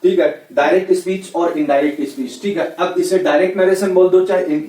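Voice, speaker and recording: A man with a Rajasthani Hindi accent teaches English grammar in a casual classroom lecture, chatty and constantly checking in with "okay, right?", repeating "ठीक है, है ना" over and over. His voice is high-pitched, steady, brisk, and darkish in tone. The room is echoey and he's a bit far from the mic.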